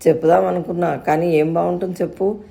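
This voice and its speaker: A woman voicing a worried, protective mother who speaks softly to her son. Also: lowish voice, fairly even intonation, fast talker, creaky. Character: anxious, protective young mother.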